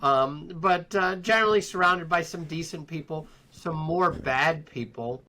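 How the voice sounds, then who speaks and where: A middle-aged man as an interview guest, recounting his experiences in an unhurried, reflective way with frequent ums and restarts. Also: fairly high pitch, pushed and bright. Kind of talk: personal storytelling in conversation.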